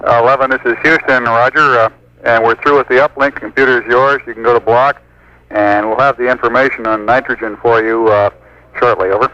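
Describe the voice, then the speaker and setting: A man's voice: mid-range voice, steady tone, fairly quick. A man at mission control speaking clipped radio procedure talk over a crackly space radio link. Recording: muffled radio with loud static.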